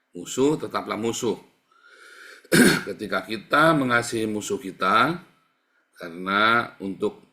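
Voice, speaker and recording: Male pastor a bright voice, emphatic and repetitive, quiet one moment and loud the next. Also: on the low side. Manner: emphatic preaching, repeats phrases, swings from quiet to loud. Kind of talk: sermon.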